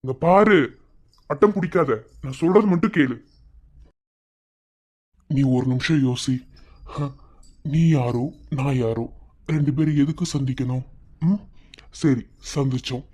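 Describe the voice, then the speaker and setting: Cartoon role: young husband, voiced by a man, Madurai Tamil accent, pleading and coaxing, middle pitch. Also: a little slow, long pauses, a little mellow, close to an everyday voice. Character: patient young husband comforting his wife.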